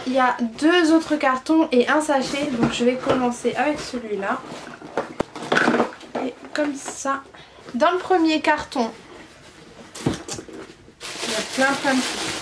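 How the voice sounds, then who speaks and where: Chatty high-voiced young woman vlogger. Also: background noise. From France. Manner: chatty and enthusiastic, listing products with many fillers. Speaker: beauty vlogger. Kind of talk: casual unboxing chat.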